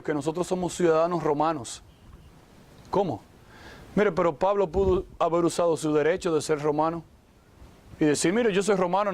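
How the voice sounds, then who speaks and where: High-voiced preacher guy, animated sermon, lots of wows and acted-out voices. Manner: animated, acts out voices of Bible figures; exclaims "wow" often, asks listeners direct questions. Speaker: pastor.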